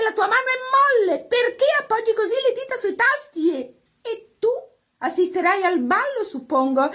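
A woman voicing a spinster piano teacher who is envious and gushes with false sweetness, in a very high voice. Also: fairly bright tone, heavily acted.

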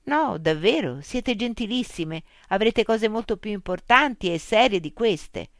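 A woman's voice: mid-range voice, lively intonation, unhurried, no echo, clean studio sound, pitched above the performer's own voice. A woman doing a flustered, apologetic woman writer.

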